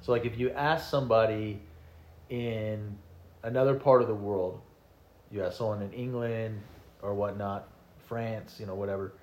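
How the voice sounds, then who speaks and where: A man's voice: fairly low pitch, steady tone, moderate pace, a little mellow. Musing man in an echoey room. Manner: musing, trails off and restarts. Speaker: podcast co-host. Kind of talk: casual discussion. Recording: roomy echo.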